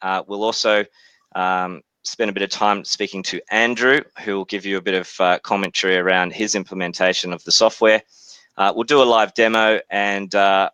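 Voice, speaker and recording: A man in his forties with an Australian accent politely presents his software company during a webinar. His low-pitched voice is measured and often hesitant, captured in a dry recording.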